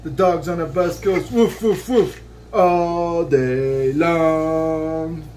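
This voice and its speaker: With a little hiss or hum on the track, a man in his thirties sings a children's song from a book to his child while lying on a bed in a bedroom. His pitch is fairly high but his tone darkish, and he draws out his words, playful and sing-song, especially at line endings. The camera is a few feet away.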